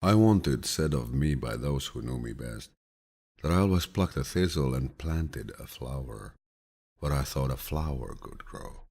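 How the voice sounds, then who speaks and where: Reading quotations aloud for an audiobook, a man speaks slowly from a script. He has a deep and husky low voice, and his delivery comes across as soothing, calm and much like a grandfather's.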